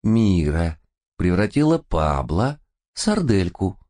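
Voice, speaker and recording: A man voicing an older doctor with steady patience. He speaks in a low, measured way and keeps his tone even. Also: exaggerated voice. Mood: insistent.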